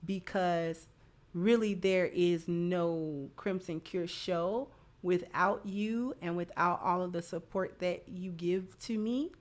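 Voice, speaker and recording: Low-voiced and unhurried, this livestream host talks casually with her supporters, offering commentary and showering them with thanks.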